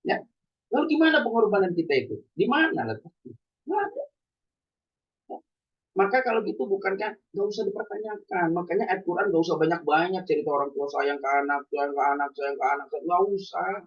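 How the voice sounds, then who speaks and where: A man's voice: high-pitched, animated, fairly quick, breathy edge. A man preaching a conversational sermon, telling everyday stories and asking the listeners rhetorical questions. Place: mosque hall. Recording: distant dull lo-fi.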